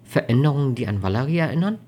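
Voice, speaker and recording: A caring woman in her thirties, read by an audiobook narrator, speaking in a soft, soothing tone. She is calm and steady, and her voice stays gentle throughout. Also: mid-range voice, very fast, close to an everyday voice. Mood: tender. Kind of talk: audiobook reading.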